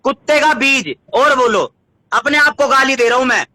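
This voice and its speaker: A man's voice: very high-pitched, moderate pace, bright, forceful tone, dry recording, rough recording. A young man in a heated live-stream argument, insistent and repetitive, swearing heavily as he denies everything.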